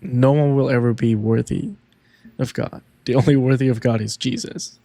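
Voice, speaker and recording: A man co-hosting a faith podcast, talking in a halting, reflective way about his own struggles. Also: medium pitch, fairly even intonation, vocal fry, mellow, dry recording. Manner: slow, reflective, halting, with frequent "yeah" backchannels. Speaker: podcast co-host. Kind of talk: casual faith talk.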